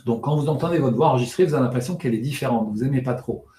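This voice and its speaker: A man coaching public speaking in a live online session. He jumps between his normal voice and exaggerated demonstrations, now shouting, now rushing, now flat. He talks fast and swallows some words, and the room gives off a noticeable echo. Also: mid-range voice. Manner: demonstrative, exaggerates loud, fast and monotone delivery for effect.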